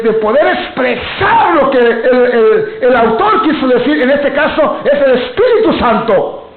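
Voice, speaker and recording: Male pastor, fiery sermon, high voice, tinny phone-like sound. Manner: impassioned preaching, shouting at times. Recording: echoey room over a tinny phone-like line.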